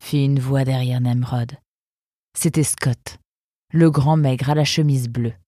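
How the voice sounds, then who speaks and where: A woman narrating a storybook in a measured, unhurried way. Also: rumbling low, dry recording, studio quality. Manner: measured, even, unhurried reading.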